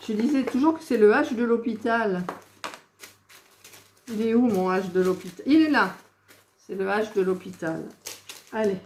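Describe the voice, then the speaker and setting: A woman vlogging her craft project, talking to herself as she hunts for missing pieces, with exasperated asides to viewers. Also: mid-range voice. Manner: talks to herself while searching, exasperated asides. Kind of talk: casual crafting chatter. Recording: echoey room with faint noise.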